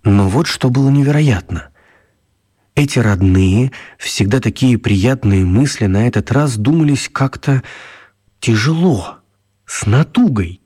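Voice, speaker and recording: In a children's radio drama, the male narrator's slightly husky, mid-pitched voice carries a dark tone. Animated yet unhurried, he performs the tale theatrically and stretches words for emphasis.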